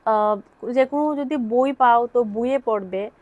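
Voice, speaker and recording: A woman teaching spoken English in Bengali, with a Bengali accent, explaining patiently and reading English phrases out slowly. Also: on the high side, a little mellow, no room sound, lo-fi sound. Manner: patient, repetitive explanations, checks in with "ঠিক আছে?".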